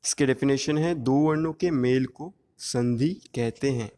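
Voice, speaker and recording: A male teacher giving an exam-prep grammar lesson, explaining slowly and drawing out each sound one at a time. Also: medium pitch, dark tone, long reverb tail.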